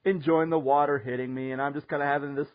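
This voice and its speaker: A man hosting a podcast, telling stories in a lively, casual way and often laughing. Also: a little high, fast, lo-fi sound. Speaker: podcast host. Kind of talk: casual storytelling chat.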